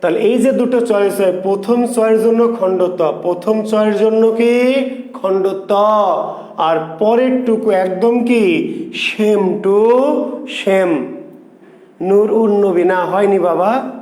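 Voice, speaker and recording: A man's voice: high-pitched, slow, pauses often, dark tone, reverberant. A man teaching grammar, playful and teasing, quizzing students by name. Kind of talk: online grammar lesson.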